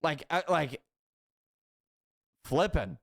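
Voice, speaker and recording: A man's voice: fairly high pitch, lively intonation, drawn-out words, creaky, no room sound, clean studio sound. Profane young man telling stories casually. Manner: profane, repeats phrases, laughs while telling. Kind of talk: casual storytelling chat.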